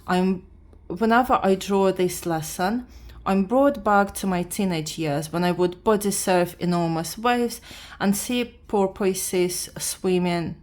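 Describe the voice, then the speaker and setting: A beginner art vlogger from Latvia, whose first language is Russian, leads a casual drawing tutorial in Russian-accented speech, sounding like she just woke up. Her mid-range voice moves haltingly as she restarts often and reads the instructions aloud.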